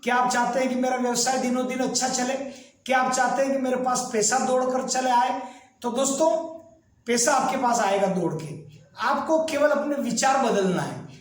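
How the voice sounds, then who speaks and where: A man giving a motivational talk, lively and direct, often acting out the complaints of the people he describes. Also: extremely high pitch, normal speed. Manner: lively, mimics complainers in quoted asides. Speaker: motivational speaker. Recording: very echoey, far from the mic.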